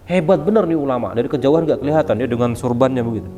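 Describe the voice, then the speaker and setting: A male preacher voicing a devout older husband, soft and earnest, inside a sermon story. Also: mid-range voice, racing, natural voice.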